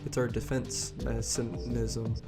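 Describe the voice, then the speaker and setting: A man's voice: mid-range voice, slow pace. A young man chatting and joking with friends while playing an online game together. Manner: joking, excitable, yelps when startled. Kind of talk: casual gaming chat. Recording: background game music.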